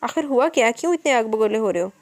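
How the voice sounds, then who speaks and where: A woman's voice: a little high, animated, fast, darkish tone. A woman reading a cheerful, affectionate young woman who teases her brother-in-law. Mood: amused. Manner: amused, affectionate. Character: cheerful, fond older sister-in-law.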